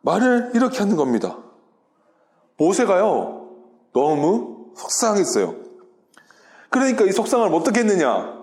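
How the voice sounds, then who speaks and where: Animated high-voiced children's preacher. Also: male voice, normal speed, long pauses. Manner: animated storytelling, addressing children directly. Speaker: youth minister. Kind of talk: children's sermon. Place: church room. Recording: roomy echo.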